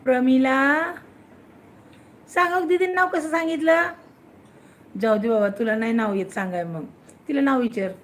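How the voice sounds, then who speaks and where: A woman's voice: high-pitched, normal speed, pauses often. A woman in a casual home video, coaxing and playfully scolding children as she teaches them, recorded on a phone indoors at home. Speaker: family member teaching children.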